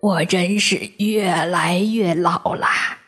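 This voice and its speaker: This is a worn-out old grandfather storyteller, put on by a woman reading a picture book. He speaks slowly and heavily, sighing through his words, a little lower and breathier than the reader's own voice. Gentle music plays quietly behind him. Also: expressive. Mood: sorrowful. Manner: slow, sighing, heavy delivery.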